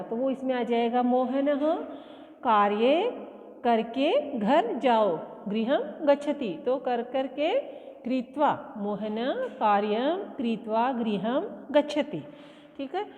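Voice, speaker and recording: A woman teaches a school lesson, working through exercises step by step and asking questions she answers herself. Her voice sits high, and the tinny, phone-like recording carries a long reverb, as if made in a large bare room. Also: a little mellow. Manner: asks questions and answers them herself, slow repetitive explaining. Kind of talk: classroom lesson explaining exercises.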